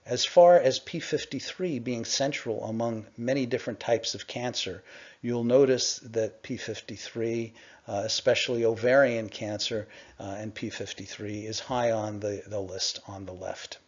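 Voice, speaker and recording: Middle-aged male executive, mid pitch, measured delivery with filler pauses, muffled conference call line. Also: steady tone. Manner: measured, explanatory, with frequent "uh" pauses. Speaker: company executive presenting to investors. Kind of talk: scripted investor presentation. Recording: dull lo-fi conference call audio.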